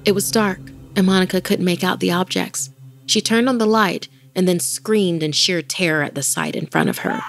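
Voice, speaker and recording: Deep-ish gravelly lady reading a scary story, dramatic pacing. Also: normal speed, a little hiss or hum. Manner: dramatic, varying pace with the tension. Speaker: podcast host and narrator. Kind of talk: scripted horror narration. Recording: faint music bed.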